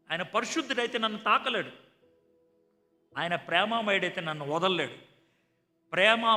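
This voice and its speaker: A male preacher delivers an emphatic sermon, his voice high and ringing. He slips into the voices of the people in his stories as he tells them. The sound carries a long hall reverb with faint music underneath. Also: bright, forceful tone. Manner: emphatic, acts out dialogue in story. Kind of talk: sermon with storytelling.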